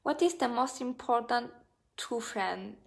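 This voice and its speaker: A woman's voice: on the high side, animated, a little slow, vocal fry. A woman in her twenties hosting a live Buddhist talk stream. She reads viewer comments aloud and answers them in a hesitant, friendly way with many fillers and restarts. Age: 20s. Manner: friendly, thanks viewers often. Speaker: Buddhist Dhamma speaker and live-stream host.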